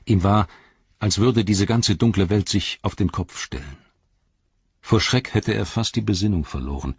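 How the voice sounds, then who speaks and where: A man narrates a fantasy audiobook in a calm, measured way, his voice very deep and heavily husky. The recording is dry and close, with a dull, lo-fi sound. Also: no echo. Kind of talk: scripted narration.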